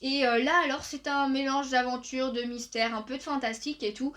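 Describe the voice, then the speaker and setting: High, steady, and a touch fast, her voice has a slightly bright quality. The speaker is a young woman manga YouTuber casually reviewing new releases, reading book summaries aloud and using plenty of fillers.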